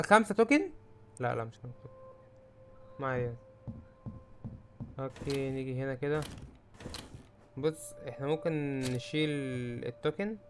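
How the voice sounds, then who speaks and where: A young man with an Egyptian Arabic accent giving let's-play commentary, jumpy and prone to sudden yelps and shouts when startled. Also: mid-range voice, slight background noise. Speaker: gamer.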